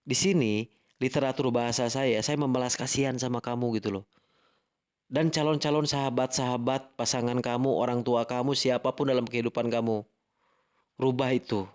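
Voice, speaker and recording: A man's voice: mid-range voice, steady tone, normal speed, darkish tone, lo-fi sound. A man with an Indonesian accent arguing heatedly in an online voice chat, lecturing and repeating himself. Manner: angry, lecturing, repetitive "gitu loh". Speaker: live-stream voice chat participant.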